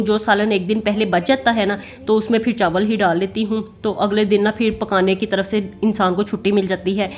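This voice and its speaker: A middle-aged woman with a Pakistani Urdu accent, chatting in a homely way as she narrates her family vlog. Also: mid-range voice. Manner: chatty, homely, many fillers. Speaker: family vlogger. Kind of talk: casual voice-over narration.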